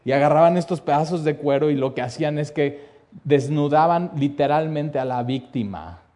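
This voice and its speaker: A man preaching a sermon, telling the story dramatically, dropping to a hush and then rising loud, with repeated lists. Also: fairly high pitch, normal speed.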